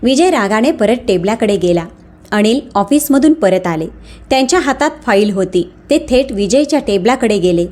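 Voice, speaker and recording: Woman narrating a story, steady reading. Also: medium pitch, normal speed.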